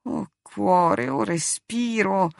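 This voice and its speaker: A woman's voice: mid-range voice, very slow, gravelly, dry recording, studio quality, heavily acted. A woman reading the part of a tense, troubled young man in a strained, nervous voice. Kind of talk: audiobook reading.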